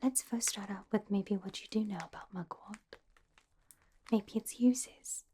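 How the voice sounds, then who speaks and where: Playing a teenage witch who is studious and caring, a woman whispers in a breathy ASMR roleplay, gentle and helpful, with little hesitant pauses. Her natural, mid-range voice comes through over a noisy background, and she seems patient and helpful.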